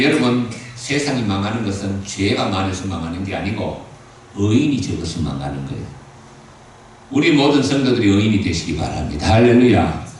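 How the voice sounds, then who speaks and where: A man's voice: lowish voice, a bit bright, a little hiss or hum. An older man preaching a sermon, telling the story in a folksy way and acting out the dialogue between characters. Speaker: pastor. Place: church sanctuary. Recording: roomy echoey hall, mic at a distance.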